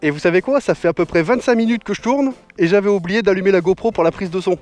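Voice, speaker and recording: A motorcycle vlogger in his thirties from northern France answers viewer questions outdoors in a casual Q&A, joking and using slang. His voice sits high and a little mellow, and he talks fast. Soft music plays behind the action camera mic.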